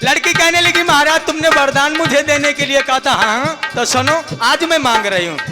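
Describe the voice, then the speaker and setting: A man telling a devotional folk story, voicing the quoted speakers as he narrates. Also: very high-pitched. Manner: narrates with voiced quotes, breaks into long drawn-out song. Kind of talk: sung and spoken devotional story. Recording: long hall reverb with music behind.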